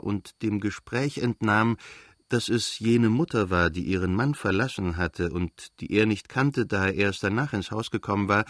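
Gravelly low-voiced male narrator. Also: dry recording, studio quality. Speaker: audiobook narrator. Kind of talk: literary audiobook narration.

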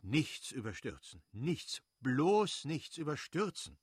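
A man voicing a good-natured, effusive middle-aged nobleman who pleads warmly with his brother-in-law. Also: mid-range voice, big pitch swings, moderate pace, breathy edge, no echo, clean studio sound. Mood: effusive pleading. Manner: warm, effusive, imploring.

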